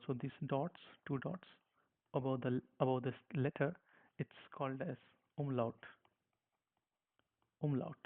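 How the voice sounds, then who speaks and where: A man gives a slow, patient language lesson in a medium voice and spells out each letter one at a time. His voice comes through thin and tinny, like a phone line. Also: mid-range voice. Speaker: language teacher. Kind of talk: slow spoken lesson with repetition.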